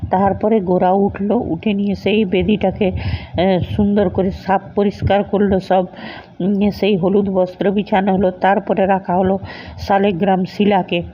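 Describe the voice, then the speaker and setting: A woman's voice: medium pitch, little pitch movement, normal speed, slight background noise. A woman casually retelling the plot of a TV serial, loose and hesitant, with many filler sounds. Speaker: storyteller recapping a TV serial. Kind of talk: casual spoken story recap. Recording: dull lo-fi recording.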